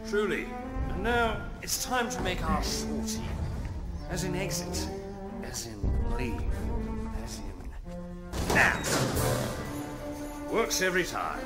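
A man's voice: high-pitched, expressive, unhurried. A man voicing a courteous young male pirate swordsman in a video game, speaking formally and cautiously. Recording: game audio over loud music.

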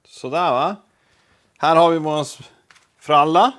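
A man's voice: on the high side, a bit bright. Chatty man cooking at home. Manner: chatty, talks to camera while cooking, self-deprecating asides. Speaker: home cooking video host. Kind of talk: casual cooking demonstration. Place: home kitchen.

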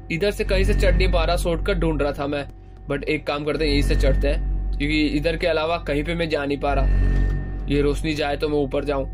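A young man giving casual, excitable commentary while playing a horror game, swearing playfully and yelping high when scared. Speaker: gaming YouTuber. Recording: game music loud behind voice. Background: horror game music.

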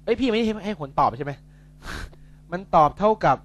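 A man's voice: sits high, lively intonation, fairly quick, muffled recording. A young man tutoring physics in a casual, chatty way, joking and correcting himself as he works through problems.

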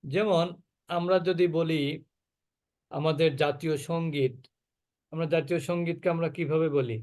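A man's voice: a little high, fairly even intonation, a little mellow. A man teaching a recitation class, asking his students questions and answering them himself, sometimes drawing out words as examples. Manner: drawn-out sung examples. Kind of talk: interactive class lecture with call-and-response questions.

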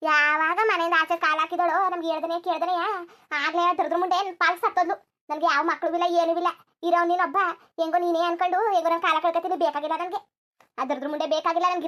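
Cartoon: a woman doing a shrill, fast-talking village mother, bitter and lamenting. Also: fairly even intonation, bright, forceful tone. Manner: lamenting, scolding, sobbing in bursts. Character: grieving village mother, middle-aged, bitter and wailing. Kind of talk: cartoon dubbing.

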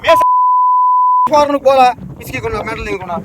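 A man in a heated, defiant argument outdoors by farm fields, shouting back and refusing to leave. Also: extremely high pitch, expressive, a little fast, very noisy.

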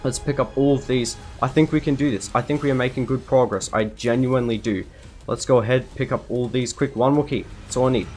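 Soft music plays behind this gaming video creator, whose medium-pitched, darkish voice moves a little fast. Narrating his own gameplay live, he sounds frantic and anxious and says the same things over and over.

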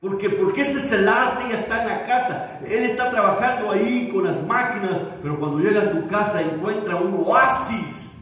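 High-voiced man preaching in an echoey hall. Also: moderate pace, few pauses, a bit bright, recorded from a distance. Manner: humorous, acts out little dialogues. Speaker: pastor. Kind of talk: sermon. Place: church hall.

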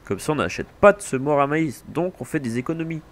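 A French gaming channel host runs a co-op farming game session, his voice fairly high and brisk. He keeps things relaxed, chatting casually and trading jokes with his co-player.

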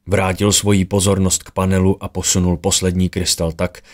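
A man narrating a fantasy audiobook in a steady storytelling manner. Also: sits low.

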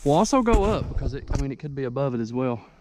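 A man's voice: medium pitch, very animated, racing, a little mellow, a little hiss or hum. A young man, out of breath, giving folksy, rambling how-to tips outdoors on a wooded mountainside. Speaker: ginseng hunter vlogger. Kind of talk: casual outdoor how-to vlog.

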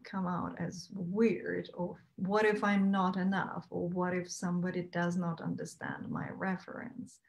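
A woman in her thirties hosting a panel discussion over a video call, talking in a thoughtful, measured way. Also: medium pitch, vocal fry, low-quality recording. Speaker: panel host. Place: home room with shelves and plants.

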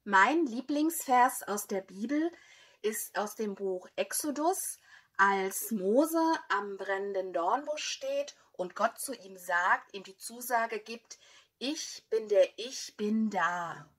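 A woman calmly sharing her favorite Bible verse with children. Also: mid-range voice, slow, breathy edge. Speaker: parishioner. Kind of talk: personal testimony.

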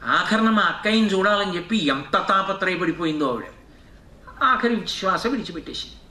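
High-pitched man preaching in an echoey hall. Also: sharp tone, far from the mic, slight background noise. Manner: preaching with rhetorical questions and chanted verse. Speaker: spiritual discourse speaker. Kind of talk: devotional discourse.

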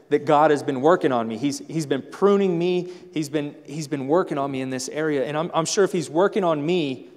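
Animated man preaching in a reverberant church. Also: a little high. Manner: animated storytelling, acts out family scenes. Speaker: pastor. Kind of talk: sermon. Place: church sanctuary.

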